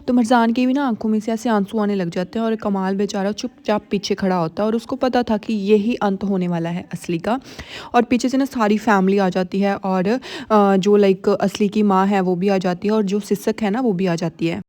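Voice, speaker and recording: A woman's voice: medium pitch, moderate pace, a little mellow. A woman hosting a drama recap, telling the story in a chatty, casual way with frequent fillers.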